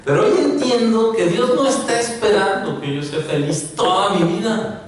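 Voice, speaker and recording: A man preaches in a relaxed, chatty way, his voice sitting a little high for a man. He fills pauses and laughs easily between points. The recording comes from a camera mic some distance away in a very echoey church hall, with faint noise behind him. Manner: chatty, laughs often, many fillers. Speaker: pastor. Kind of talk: informal sermon.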